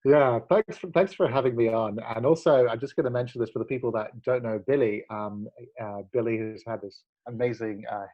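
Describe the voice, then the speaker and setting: A man in his forties joins a casual chat as a guest, telling his story earnestly and reflectively with many fillers and restarts. His mid-range voice moves a little fast, and the video-call audio sounds lo-fi.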